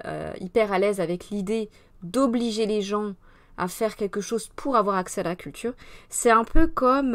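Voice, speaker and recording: A woman hosting a casual live culture show, chatting and answering viewer comments, with frequent fillers and moments where she drops to a whisper. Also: mid-range voice. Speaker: mother of young children.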